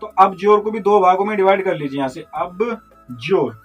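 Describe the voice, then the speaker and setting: A high-voiced man teaching vocabulary with memory tricks, working through each word step by step and answering his own questions. He sounds set back from the microphone, and faint music plays underneath. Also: expressive, fairly quick, slightly rough. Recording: distant mic with faint music.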